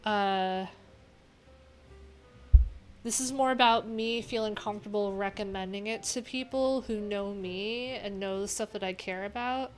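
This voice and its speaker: A middle-aged woman who is a developer hosts a casual livestream, browsing and thinking aloud in a candid, rambling manner. She has a mid-range voice and talks a little slowly. It's a small, cluttered room indoors, and music plays in the background.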